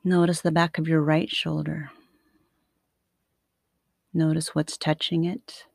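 A woman guiding a sleep meditation like a sleep story narrator, soothing and unhurried, with long pauses between short phrases. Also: low voice, little pitch movement, creaky, a little mellow, no room sound, studio quality. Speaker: yoga nidra meditation teacher.

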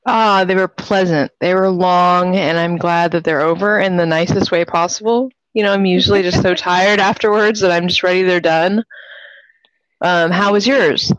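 A woman in her forties co-hosting a podcast, talking in a relaxed, easygoing casual chat. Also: fairly low pitch, normal speed, hardly any pauses, dry recording, dull audio. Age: 40s. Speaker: podcast co-host.

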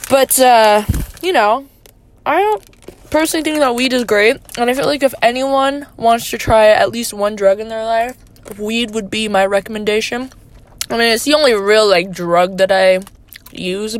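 A young woman hosting a casual solo podcast, rambling with lots of fillers and casual swearing, laid-back but getting indignant. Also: a little high. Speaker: podcast host.

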